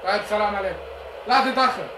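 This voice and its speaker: Man voicing a whiny, vengeful young guy, very high and quick; echoey noisy old TV sound. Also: natural voice. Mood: complaining. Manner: shouts, threatens, whiny. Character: hot-headed young man, easily soaked, vengeful.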